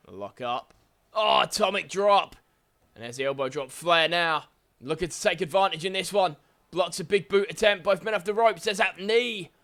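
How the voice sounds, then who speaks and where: A man calls wrestling play-by-play over gameplay, naming every hold and slam as it lands. His voice sits a little high and rings bright and forceful. He breaks into excited exclamations at the big moments. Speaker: video game commentator.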